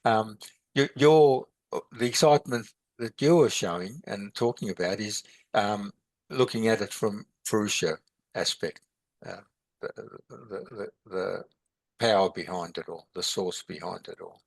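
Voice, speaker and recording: A man's voice: fairly low pitch, measured pace, vocal fry, no echo. A man, teaching in a podcast chat, rambling with many halts and restarts. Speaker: meditation and philosophy teacher.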